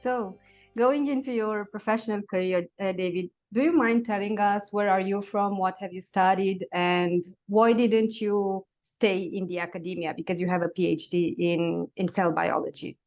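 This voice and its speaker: A woman's voice: mid-range voice, fairly even intonation, normal speed, darkish tone. A woman hosting a podcast interview, speaking hesitantly with many fillers. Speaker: podcast host. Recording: speech over background music.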